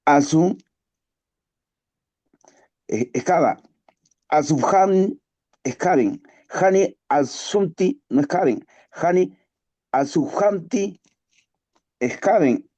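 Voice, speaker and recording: A student reading verb drills aloud in careful, halting recitation over an online class call. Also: mid-range voice, expressive, mellow.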